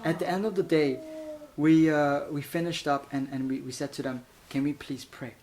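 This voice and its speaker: A man from Iran giving an animated, casual spoken testimony, laughing often and stumbling over repeated words. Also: on the high side, normal speed, slight background noise. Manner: animated, laughs often, acts out voices in quotes.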